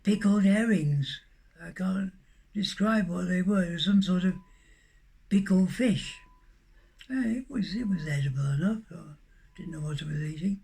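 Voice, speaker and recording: Husky, gravelly high-voiced man telling a story. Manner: halting, with restarts and occasional coughs; gentle closing blessing. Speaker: monk podcast host. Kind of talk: rambling anecdotal storytelling.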